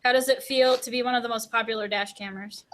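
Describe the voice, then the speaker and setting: A woman's voice: on the high side, steady tone, quick pace, fairly bright tone. A woman asking questions on a group voice call, giggly. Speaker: dash cam channel guest. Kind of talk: casual group voice chat.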